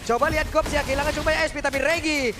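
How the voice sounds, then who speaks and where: A man doing excited play-by-play commentary as an esports caster. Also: extremely high pitch, very fast, music in the background.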